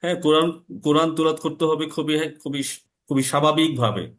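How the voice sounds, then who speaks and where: A man teaching an online Quran recitation lesson, slowly drawing out Arabic letter sounds and reciting short phrases. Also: fairly high pitch, fairly even intonation. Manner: slow, drawn-out demonstration of Arabic letter sounds.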